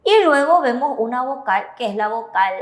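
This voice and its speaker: Woman with a Paraguayan Spanish accent, co-host, higher voice, asks and affirms, roomy echo. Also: lively intonation, normal speed. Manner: asks the teacher leading questions, repeats answers approvingly. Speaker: Spanish-speaking co-host of a Korean lesson. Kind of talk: classroom-style explanation on a TV lesson.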